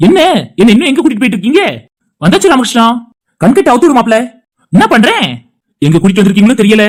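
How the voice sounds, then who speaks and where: An actor voicing a group of cheerful young male friends in an animated family drama, trading lively, teasing banter. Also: mid-range voice, natural voice. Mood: playful. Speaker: cartoon voice actor.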